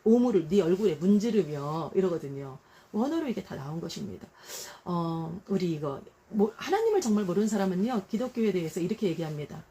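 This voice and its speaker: A woman's voice: fairly low pitch, brisk. A middle-aged woman preacher giving a devotional Bible talk, conversational and full of rhetorical questions, acting out quotes in a raised voice. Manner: animated, acts out quotes in a raised voice.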